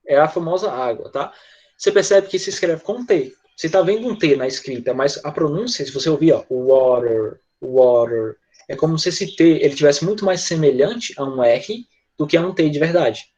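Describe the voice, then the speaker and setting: A male English teacher explaining pronunciation in an online class, patient, often checking in with quick tag questions. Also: a little high, expressive, a little mellow, highs cut off.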